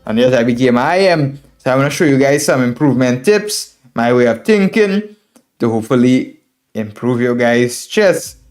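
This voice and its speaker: His mid-range voice has a darkish tone and plenty of expression, moving at normal speed. A chess streamer and instructor from Trinidad and Tobago, he gives live game commentary in a Trinidadian accent, working through ideas aloud, repeating phrases, and speaking to viewers as friends, with music underneath.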